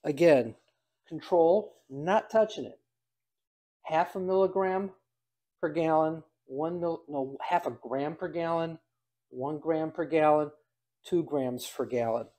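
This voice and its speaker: A man's voice: a little high, slow pace, warm tone. An older man giving a casual hands-on demonstration, talking aloud in a folksy, dryly humorous way. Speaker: home cider maker demonstrating.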